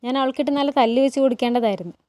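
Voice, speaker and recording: A woman's voice: on the high side, very fast, darkish tone, no echo, natural voice. A woman doing a proud, scornful noblewoman.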